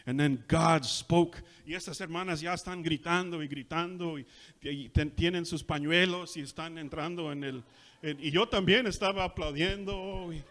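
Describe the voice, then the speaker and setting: A man preaching a sermon, saying each line in Spanish and then again in English, building to loud shouted peaks. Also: on the high side, steady tone, moderate pace. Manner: impassioned, swells to shouting on key lines. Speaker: pastor. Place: church sanctuary.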